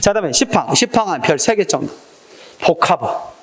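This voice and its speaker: A man's voice: high voice, expressive, brisk. A man teaching an exam-prep Korean language lecture, drilling students with call-and-response prompts. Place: lecture classroom.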